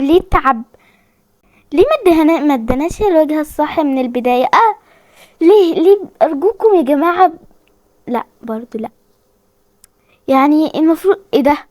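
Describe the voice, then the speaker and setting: A woman's voice: sits high, darkish tone, dry recording. A young woman with an Egyptian Arabic accent, commenting on a horror game she plays, jumpy and frightened, squealing and pleading as she goes. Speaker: gaming channel host.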